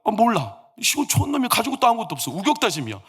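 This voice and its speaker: A man doing a gruff, indignant older father-in-law. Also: high voice, wildly swooping pitch, very fast, pitched above the performer's own voice, full character voice. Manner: blunt, exasperated outbursts.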